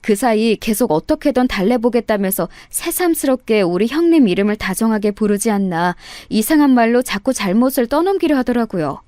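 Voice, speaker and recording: A woman's voice: on the high side, lively intonation, fairly quick, few pauses, dark tone, no echo. A woman narrating a true family story in a conversational storytelling manner on a close mic. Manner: conversational storytelling, heated when quoting herself.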